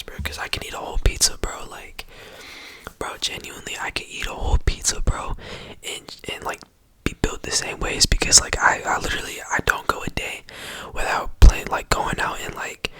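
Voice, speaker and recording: A whispering ASMR creator rambling casually and repetitively in slangy speech, close to the microphone. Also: pushed and bright. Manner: slangy, repetitive, rambling, often saying bro and you know.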